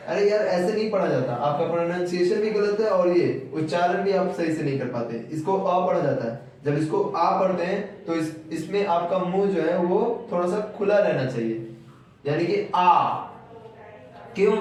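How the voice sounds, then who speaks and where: High-voiced male teacher in an echoey room. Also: a little mellow, distant mic. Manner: explanatory, repeats key terms, slows to spell out sounds. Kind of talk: classroom grammar lesson.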